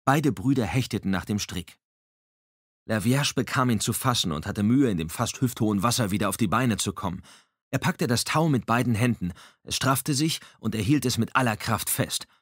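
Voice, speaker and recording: A man reading an audiobook in a measured, dramatic storytelling manner on a close microphone. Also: medium pitch, expressive, breathy edge, no room sound. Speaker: audiobook narrator. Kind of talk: scripted audiobook narration.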